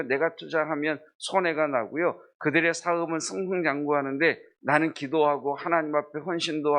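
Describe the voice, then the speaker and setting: A middle-aged man preaching an early-morning sermon as pastor, earnest and building to a raised, impassioned close. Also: a little high. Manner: earnest preaching that swells louder toward the end.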